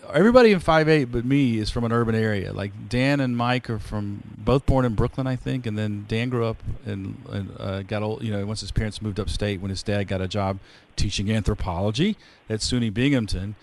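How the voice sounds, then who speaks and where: Male podcast host, slightly low voice, loose and chatty, rambles through stories. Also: a little fast, hardly any pauses. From rural area. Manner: chatty, rambling storyteller with many fillers. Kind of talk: casual interview chat.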